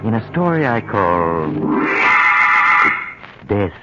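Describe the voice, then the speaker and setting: An actor voices a sinister male narrator host who draws listeners into a creepy radio tale in 1940s radio style. His fairly low voice is very animated and unhurried, with a teasing, ominous delivery and an ominous mood. It sounds like a muffled old radio broadcast with hiss.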